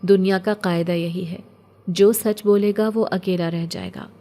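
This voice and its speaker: A woman voicing an ancient, gentle male jinn who speaks in a calm, poetic, consoling way. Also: mid-range voice, close to an everyday voice. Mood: calm, tender.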